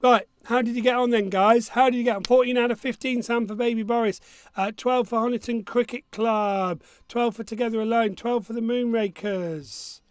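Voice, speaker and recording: A man's voice: extremely high pitch, fairly even intonation, normal speed, smooth, no echo. A man with a missing front tooth hosting a quiz casually, reading questions and answers in a jokey, self-mocking way. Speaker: quiz host.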